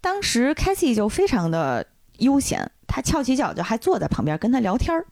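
Animated woman host retelling a film. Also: fairly high pitch, moderate pace, no room sound, clean studio sound. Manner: animated storytelling, briefly acting out characters' lines. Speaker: podcast host. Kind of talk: casual chat, retelling a film plot.

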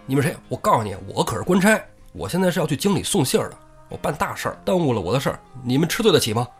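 A man's voice: on the high side, sing-song, very fast, faint music behind. A man doing a blustering, panicky courier. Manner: blustering, indignant. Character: flustered male imperial courier, pompous then panicky. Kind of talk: comic storytelling.

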